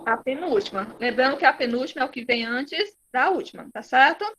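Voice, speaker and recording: A woman's voice: high voice, expressive, a little fast, fairly bright tone, slight background noise. A Brazilian woman teaching an online class, patient and encouraging, praising her pupils by name. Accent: Brazilian Portuguese.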